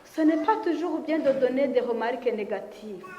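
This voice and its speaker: A religious sister telling a moral story to children, often stopping to ask them questions. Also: female voice, sits high, warm tone, dull audio, slight background noise. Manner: asks the children questions and pauses for answers. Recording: roomy hall with long reverb.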